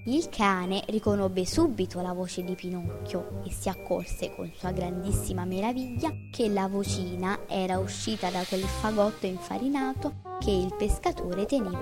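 A woman reads a children's story aloud with a clear, expressive storytelling voice. Bright children's music plays clearly behind her. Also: mid-range voice. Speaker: narrator. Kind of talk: storybook reading.

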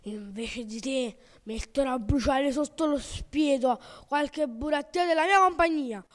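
A woman voicing a gruff, bearded male puppet master with a rattly, blustering voice who barks loud commands and breaks into sneezing fits. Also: high-pitched, unhurried, big-room sound. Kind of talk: audiobook character voice.

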